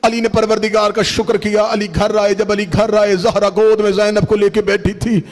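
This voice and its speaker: A man preaching a lament from the pulpit in Urdu with a Pakistani accent, wailing and chanting, his voice rising to strained shouts. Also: high-pitched, level tone. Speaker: Shia preacher reciting a lament. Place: gathering hall from the pulpit.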